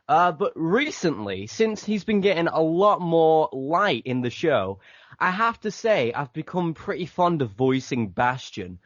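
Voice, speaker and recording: A man's voice: a little high, no echo. A man who makes a fan abridged series, talking casually in an interview, rambling with lots of fillers. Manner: rambling, filler-heavy, laughs often. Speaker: abridged series creator and voice actor. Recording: dull lo-fi voice chat audio.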